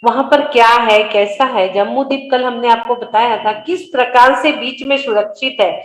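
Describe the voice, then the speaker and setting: A woman's voice: fairly high pitch, fairly even intonation, moderate pace, a bit bright, reverberant, low-quality recording. Patient woman teaching a scripture class. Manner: patient, corrects pronunciation word by word. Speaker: religious study class teacher. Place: online video meeting.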